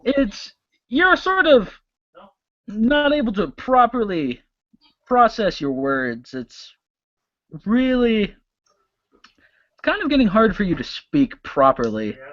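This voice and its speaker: A game master narrating a casual tabletop game, lively and halting, with many restarts. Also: mid-range voice, lo-fi sound.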